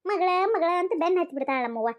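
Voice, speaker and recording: A woman's voice: very high voice, animated, fast, dull audio. A woman voicing a sulky young village daughter in a cartoon, with a North Karnataka Kannada accent. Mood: annoyed. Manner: complaining, talking back. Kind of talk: cartoon voice acting.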